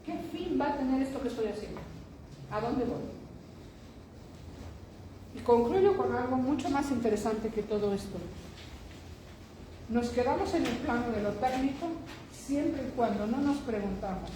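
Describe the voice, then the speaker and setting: A woman's voice: a little high, normal speed, pauses often. An older woman giving an academic lecture, emphatic, asking rhetorical questions and repeating phrases for effect. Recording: noisy echoey room.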